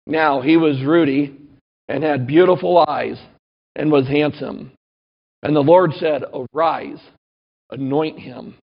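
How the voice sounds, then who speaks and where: A male pastor giving a sermon and reading scripture aloud, earnest and measured, slowing down to stress key points. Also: on the high side, gravelly, lo-fi sound.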